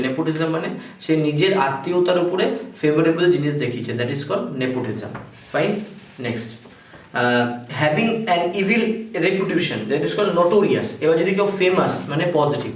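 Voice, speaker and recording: A man with a Bengali accent teaching a vocabulary lesson. He reads definitions slowly and keeps quizzing his students. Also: a little high, distant mic. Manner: reads English definitions slowly, then explains briskly and quizzes. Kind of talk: exam-prep vocabulary lesson. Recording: echoey room, voice off-mic, faint hiss.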